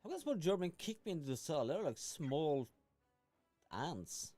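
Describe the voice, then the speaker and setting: A man's voice: a little high, big pitch swings, normal speed, mellow, no room sound, soft background music. A man playing a tabletop role-playing game, joking and laughing often. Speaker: player. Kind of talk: casual tabletop play.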